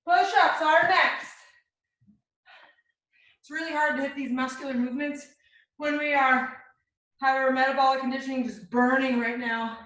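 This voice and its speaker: Woman aerobics instructor, bright forceful voice, motivational cues and counts, energetic, very echoey room, mic at a distance. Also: sits high, moderate pace, long pauses. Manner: encouraging, motivational short commands; energetic, exercising while talking. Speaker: fitness instructor. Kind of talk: aerobics instructor leading a workout, counting and cueing.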